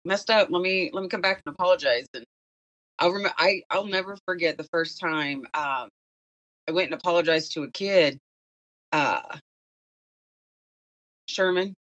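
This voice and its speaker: A woman who used to be a school principal, a guest telling animated stories and laughing easily. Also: low-pitched, lo-fi sound. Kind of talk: casual conversation.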